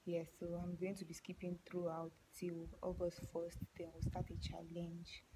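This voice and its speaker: A woman's voice: on the low side, monotone, normal speed, mellow, a little hiss or hum, poor audio. Breathless Nigerian woman vlogging after a workout. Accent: Nigerian English. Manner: chatty and playful, often breathy and half-whispered. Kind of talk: casual chat to camera.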